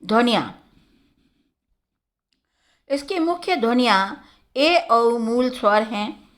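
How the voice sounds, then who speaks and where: A woman giving a measured academic lecture, listing word forms one by one. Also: fairly high pitch, animated. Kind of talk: slow academic lecture on Hindi dialects.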